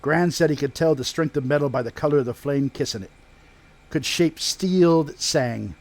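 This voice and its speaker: A man's voice: fairly high pitch, normal speed, darkish tone, close to an everyday voice. A man voicing a proud rustic blacksmith who tells family lore in country dialect, as if sharing gossip, in a tabletop game. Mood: reverent, proud. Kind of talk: in-character tabletop role-play storytelling.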